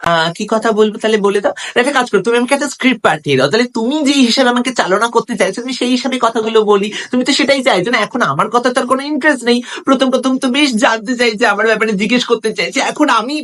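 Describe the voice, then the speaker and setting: Man playing a young girlfriend in a phone sketch: rapid-fire gossip, sulky, guilt-tripping. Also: very high voice, a bit bright. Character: nagging young woman, girlfriend on the phone, easily hurt. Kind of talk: comedy sketch phone call.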